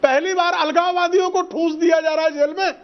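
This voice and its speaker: A man's voice: very high voice, steady tone, brisk, muffled recording. A man speaking as a party spokesperson in a heated televised debate, combative and mocking his opponent.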